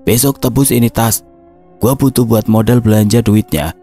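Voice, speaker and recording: A man's voice: lowish voice, fairly even intonation, moderate pace, dark tone, slightly rough, faint music behind. A man voicing a grumpy, middle-aged school canteen lady who grumbles and scolds. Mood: grumbling.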